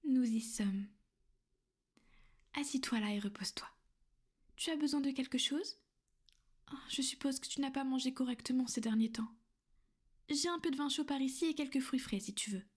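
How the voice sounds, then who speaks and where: In this intimate ASMR roleplay, a woman voices a soothing vampire noblewoman who speaks gently and often whispers, tender on the surface yet possessive beneath. Her voice is high and soft. She talks at a normal speed but leaves long pauses.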